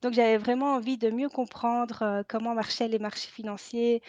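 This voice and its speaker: On a casual live stream, a Belgian laughter yoga host speaks at normal speed in a fairly high, darkish voice with fairly even intonation and no room sound. Hesitant and laughing often, she relies on many fillers and restarts. Her added microphone produces dull, lo-fi audio.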